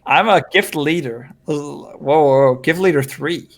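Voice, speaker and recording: Speaking a little slowly in a fairly high voice, a streamer from Denmark rambles through a casual livestream chat, hesitating often and filling his talk with fillers and restarts.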